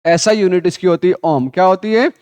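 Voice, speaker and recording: A male physics teacher running a Hindi class lecture, quizzing students with repeated questions, calling them 'beta', and reading textbook lines slowly. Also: high-pitched, darkish tone, smooth, no room sound. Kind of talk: classroom lecture with call-and-response drills.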